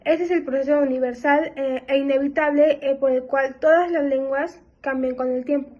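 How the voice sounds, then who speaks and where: High-pitched woman reading her part, lots of "eh" pauses, muffled sound. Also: steady tone, dark tone. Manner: many "eh" fillers between phrases. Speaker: student presenter. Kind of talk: reading a class presentation.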